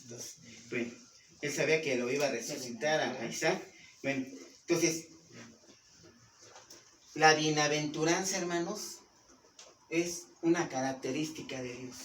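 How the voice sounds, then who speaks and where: A man's voice: fairly high pitch, moderate pace, pauses often, a bit bright. A man with a Mexican Spanish accent, preaching as pastor and quizzing his congregation with questions as he teaches. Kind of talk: sermon. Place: church hall. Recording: roomy, distant mic with some noise.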